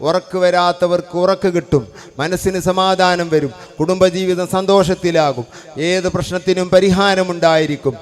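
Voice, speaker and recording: Male preacher, high steady voice, emphatic repetition. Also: moderate pace, faint music behind. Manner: emphatic, repeats phrases for stress. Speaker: Islamic preacher. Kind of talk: sermon.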